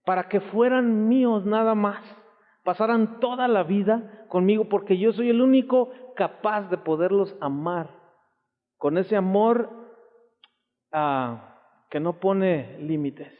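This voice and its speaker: His voice sits high and he takes his time. A Mexican pastor gives an emphatic, exclamatory sermon in a church hall, narrating stories with quoted voices, preserved on a tinny lo-fi 1990s tape that carries a long reverb.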